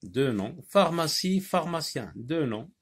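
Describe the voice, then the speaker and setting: A man teaching a French reading lesson, talking slowly and deliberately and spelling out letters and syllables. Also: fairly high pitch, very animated, husky.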